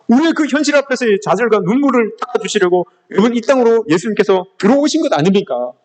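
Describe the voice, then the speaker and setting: A man's voice: extremely high pitch, expressive, fast talker. A man preaching a sermon as pastor, emphatic and often calling out to the congregation. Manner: emphatic, repeatedly addressing the congregation.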